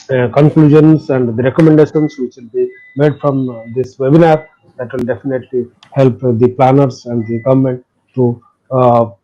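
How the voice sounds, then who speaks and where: A man's voice: medium pitch, dark tone. Man, dull lo-fi webinar address. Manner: hesitant, many fillers. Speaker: government official speaker. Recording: muffled lo-fi call audio.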